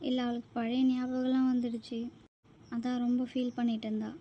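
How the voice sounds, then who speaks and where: A woman voicing a guilty young friend who speaks quietly and haltingly in a scripted drama. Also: a little high, little pitch movement, highs cut off, lightly acted. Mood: subdued.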